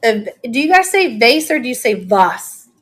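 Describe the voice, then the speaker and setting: Chatty higher-pitched woman auction host. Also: lively intonation, quick pace. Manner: chatty, enthusiastic, thinks aloud while showing items. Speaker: live-stream reseller auctioning finds. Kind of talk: casual live-stream selling chat.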